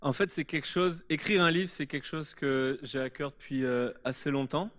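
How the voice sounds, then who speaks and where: A man's voice: fairly high pitch, normal speed, fairly bright tone. Earnest male author explaining his faith. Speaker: guest author. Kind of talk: live church interview. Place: church service before a congregation.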